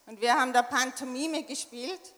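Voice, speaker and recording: A woman from Tyrol with an Austrian German accent, telling a church testimony in short phrases and pausing for an interpreter. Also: sits high, fairly bright tone. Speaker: church member giving testimony. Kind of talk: sharing a personal story in short phrases for an interpreter. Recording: echoey hall with long reverb.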